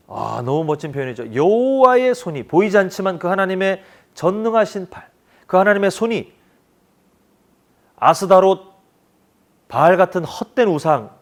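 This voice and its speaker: A man preaching a children's sermon, animated, often asking the children questions. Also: fairly high pitch. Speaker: children's pastor.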